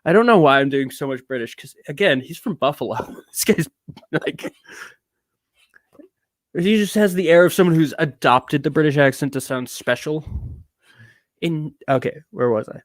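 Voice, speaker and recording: A drunk man streaming and chatting casually, excitable and swearing a lot. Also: fairly high pitch, normal speed, long pauses, dry recording. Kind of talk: casual livestream chat.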